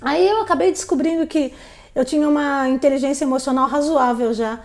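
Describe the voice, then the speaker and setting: A woman hosting a live stream, telling a story from her own life in a fairly high voice. She tells it with plenty of animation and acts out the voices of the people in it. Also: brisk, a little mellow.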